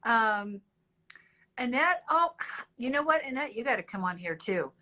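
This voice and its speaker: A woman's voice: a little high, sing-song, a little slow, pushed and bright. A woman hosting a casual livestream interview, chatting with her viewers and thinking aloud between questions.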